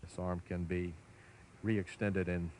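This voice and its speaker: A man giving measured, formal live commentary as a launch commentator. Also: low voice, flat delivery, a little mellow. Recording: faint background noise.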